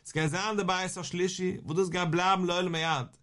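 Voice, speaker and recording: A man giving a Talmud lesson, reading the source aloud and explaining it line by line, slowing into a sing-song when he quotes a verse. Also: high-pitched, fairly even intonation, sharp tone. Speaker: Talmud teacher.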